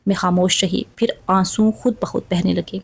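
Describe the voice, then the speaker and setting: A woman's voice: on the low side, steady tone, gravelly. A woman telling an emotional first-person story in a dramatic, sorrowful way. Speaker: narrator.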